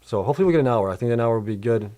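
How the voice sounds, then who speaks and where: A man's voice: mid-range voice, expressive, racing, dark tone. A middle-aged man hosting a casual livestream, reading out and answering chat questions in a loose, rambling way full of fillers, his voice wearing out late in the night. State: voice getting worn out.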